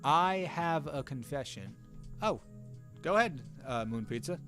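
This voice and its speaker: A man's voice: fairly high pitch, animated, measured pace, fairly bright tone, soft background music. A man hosting a live drawing stream, chatting casually with viewers in an easygoing, rambling way with lots of fillers and little chuckles.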